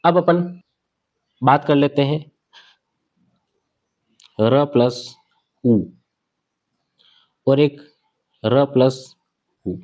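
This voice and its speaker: A male grammar teacher explains sounds step by step as he writes, putting questions to the class and answering them himself. His voice sits at an ordinary middle pitch. The recording is a little dull and lo-fi. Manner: repeats key words slowly. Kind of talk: classroom board lesson.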